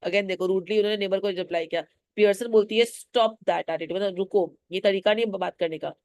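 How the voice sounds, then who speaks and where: A woman's voice: medium pitch, fairly even intonation, fast, a little mellow, no echo, muffled recording. A woman teacher giving a classroom lecture, explaining a play line by line in a mix of Hindi and English and quizzing her students. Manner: mixes Hindi and English, asks students questions, acts out lines.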